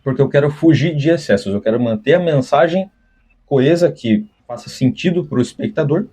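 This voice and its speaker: A man's voice: on the high side, animated, moderate pace, warm tone, breathy edge. A young man, talking unscripted to his channel's viewers, rambling with many restarts. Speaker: channel host. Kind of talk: unscripted casual talk to camera.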